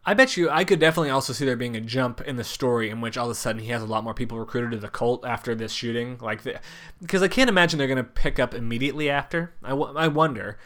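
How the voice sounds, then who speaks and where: A man's voice: medium pitch, fast talker, fairly bright tone. A man co-hosting a podcast with a congested, nasal voice, chatting casually and thinking aloud with many fillers. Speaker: podcast co-host. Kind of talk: casual chat about a TV show.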